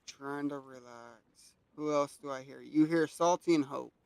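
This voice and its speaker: A man with a fairly high, smooth, clear voice chats offhand on stream, muttering about tech trouble. The sound is dry and close, with no room around it. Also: moderate pace, no room sound. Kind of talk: casual stream chat.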